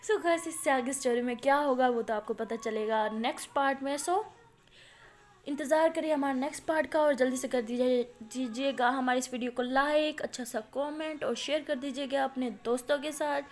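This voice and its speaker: A chatty woman storyteller with a high voice tells a love story casually, scattering fillers as she goes. Her delivery is loose and conversational. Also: normal speed. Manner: chatty, uses many filler words.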